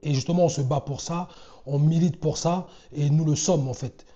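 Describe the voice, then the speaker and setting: A man's voice: fairly high pitch, steady tone, moderate pace, dark tone, muffled recording. A man casually commenting on comedy clips, talking conversationally with frequent hesitations. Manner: conversational, many fillers and restarts.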